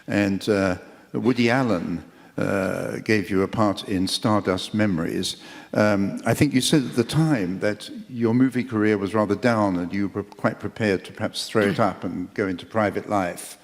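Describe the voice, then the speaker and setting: A man interviewing on stage, asking long, measured questions with fillers. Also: fairly low pitch, vocal fry. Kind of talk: onstage interview. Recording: echoey hall.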